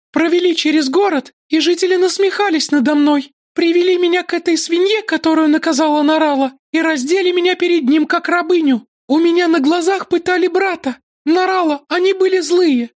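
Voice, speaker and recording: A man's voice: very high-pitched, unhurried, no room sound, clean studio sound, pitched above the performer's own voice. A man voicing a tormented young woman who speaks in tense, bitter outbursts in an audiobook. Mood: bitter, furious. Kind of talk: audiobook character voice.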